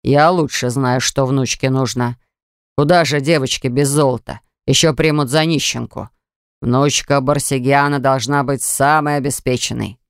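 A narrator voicing a pompous, boastful older rich man who talks down to people, in a slow, lowered, gravelly voice. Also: fairly even intonation, dry recording, studio quality, lightly acted. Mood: patronizing. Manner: boastful, patronizing. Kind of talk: audiobook character voice.

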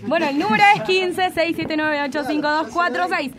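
A woman's voice: extremely high pitch, steady tone, normal speed, crowd noise. A woman with a Rioplatense accent hosting a casual radio show, bantering and reading out listener messages and contact details. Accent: Rioplatense Spanish. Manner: laughing, bantering, reads listener texts. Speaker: radio host.

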